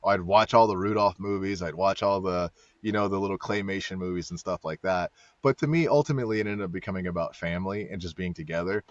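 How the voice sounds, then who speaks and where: A man's voice: low-pitched, quick pace, hardly any pauses, no echo. A man appearing as a podcast guest, telling stories in a laid-back way with frequent fillers. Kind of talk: casual conversation. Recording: dull lo-fi dry sound.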